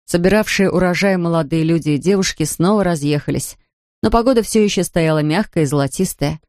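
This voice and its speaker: An audiobook narrator reading a novel in a calm, even manner. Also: medium pitch, brisk, no room sound, studio quality. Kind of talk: scripted narration.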